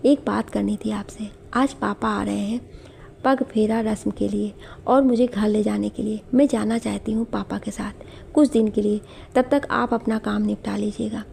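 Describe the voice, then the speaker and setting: A woman's voice: medium pitch, steady tone, moderate pace, creaky, a little mellow, a little hiss or hum. A woman voicing a hurt, withdrawn young bride who speaks in a subdued, restrained way.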